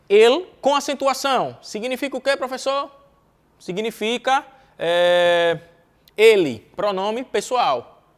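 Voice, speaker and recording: A Brazilian man with a Brazilian Portuguese accent teaching an exam-prep grammar lesson. He asks himself rhetorical questions, answers them, repeats key words and keeps checking in with "ok?". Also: sits high. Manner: checks in constantly with "ok?" and "né?". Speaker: Spanish teacher.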